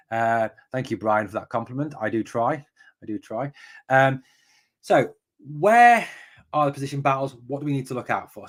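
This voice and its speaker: A man in his forties from the northeast of England hosts a live fan podcast from a room at home. He talks in a loose, rambling way, wandering off on tangents and restarting sentences, with an ordinary mid-range voice. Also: medium pitch. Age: 40s. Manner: rambling, chatty, goes off on tangents, many fillers and restarts. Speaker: podcast host. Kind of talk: live-stream football chat.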